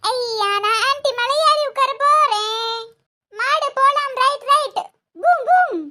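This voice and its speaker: A very high, bright voice plays a grown woman behaving like a five-year-old in a cartoon, acted by a woman. She whines and sing-songs in a Kanyakumari Tamil accent, with a sharp, piping edge to every word. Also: slow pace, exaggerated voice. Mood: playful. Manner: childish, whiny, sing-song. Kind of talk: cartoon voice acting.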